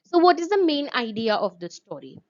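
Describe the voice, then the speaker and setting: A woman teacher, speaking a little above the usual pitch. She explains at length, doubles words for stress like "very, very", and puts questions to her class. The recording sounds muffled and lo-fi. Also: sing-song, brisk. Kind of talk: classroom lesson explaining a story.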